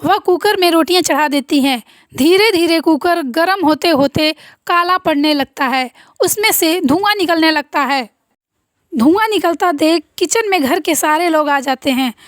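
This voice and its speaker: A woman storyteller narrating a story in a plain, steady manner. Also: very high-pitched, a little slow, no room sound, studio quality.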